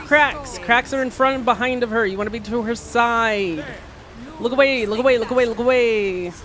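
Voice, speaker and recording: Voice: mid-range voice, fairly bright tone, soft background music. Streamer barking repeated raid commands. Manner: repetitive rapid commands. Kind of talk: live gameplay call-outs.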